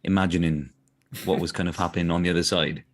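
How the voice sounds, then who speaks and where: A man from South Wales, a voice actor with a South Welsh accent, chats casually as an interview guest, speaking fast in a low voice with fairly even intonation. His talk is full of restarts and "do you know what I mean".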